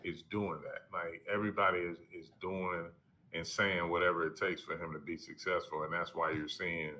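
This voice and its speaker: A man talking as a team coach on a live esports broadcast, halting, with many fillers and restarts. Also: low-pitched, level tone, sharp tone. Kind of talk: casual broadcast interview.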